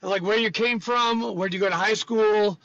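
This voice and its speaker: A man hosts a podcast with a blunt, joking, rambling manner. His voice is high and bright with a sharp edge. It is recorded dry and close. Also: steady tone, moderate pace, no echo, lo-fi sound. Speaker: podcast host. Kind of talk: casual chat.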